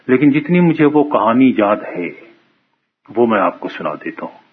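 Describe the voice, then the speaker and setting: A man retelling a translated story from memory in a lively, conversational way. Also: medium pitch, slight background noise. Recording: muffled phone-like radio sound.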